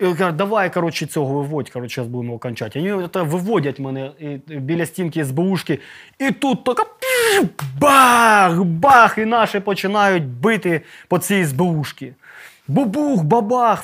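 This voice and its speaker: A man telling a story to a podcast host in a casual, slangy way, acting out sounds and swearing now and then. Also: a little high. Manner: vivid, slangy retelling with sound effects and swearing. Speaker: podcast guest.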